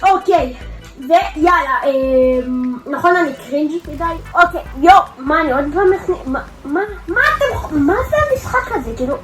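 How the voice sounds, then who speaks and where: A woman giving live gameplay commentary, excitable, shouting out exclamations and repeating words rapidly. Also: sits high, faint music behind, low-quality recording. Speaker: gaming video creator.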